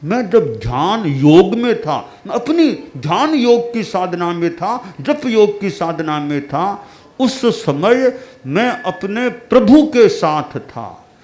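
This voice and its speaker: Brief: serene older guru, slow and gentle, lightly raised voice, as a male preacher plays him. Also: high-pitched, voice pushed up, exaggerated voice. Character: calm older male guru, fussy over mosquitoes.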